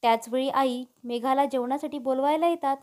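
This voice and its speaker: A woman narrating a family story in a steady, expressive reading. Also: high-pitched, brisk.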